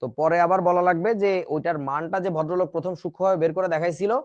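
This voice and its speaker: A man's voice: high-pitched, fairly even intonation, rapid-fire, a little mellow, no room sound, lo-fi sound. A man teaching a chemistry class in a casual, joking way, with speech. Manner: chatty, joking asides to students. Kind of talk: casual online class lecture.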